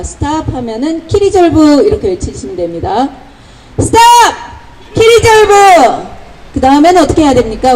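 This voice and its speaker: Woman rally emcee, high lively voice, leads outdoor chants, brisk instructions between shouts. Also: slight background noise, rough recording. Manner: shouts slogans, then gives brisk instructions. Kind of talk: leading protest chants. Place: outdoors on a city street.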